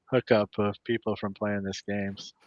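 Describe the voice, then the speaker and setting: A man's voice: lowish voice, flat delivery, a little slow, no echo, highs cut off. A man co-hosting a podcast, adding short, dry remarks. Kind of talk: casual chat.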